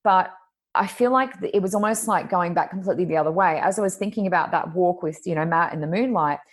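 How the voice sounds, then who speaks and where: With a loud, lowish voice and a quick pace, a woman co-hosting a podcast shares a personal story in casual talk, voicing her own thoughts aloud as if acting them out.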